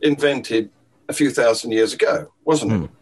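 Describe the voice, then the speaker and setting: A man's voice: mid-range voice, normal speed, darkish tone, husky, rough recording. A man talking casually as a guest in a discussion, wry and reasoned, often chuckling.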